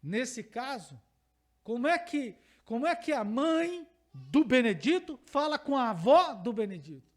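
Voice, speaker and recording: In a sing-song, strikingly high voice, a pastor with a Brazilian Portuguese accent preaches a teaching sermon at a measured pace. He repeats phrases and puts questions to the congregation to make his points land.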